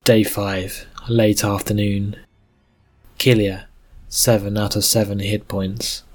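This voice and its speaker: A man narrating a fantasy story in a steady storytelling manner and reading out game stats. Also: on the low side, takes it slowly.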